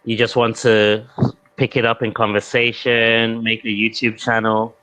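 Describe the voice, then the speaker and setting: A man with a mixed London and Nigerian accent, tutoring English in a relaxed, thoughtful video-call chat. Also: lowish voice, normal speed, rough recording. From London, England. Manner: relaxed and thoughtful, adjusts his sound to the listener. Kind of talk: casual video-call conversation.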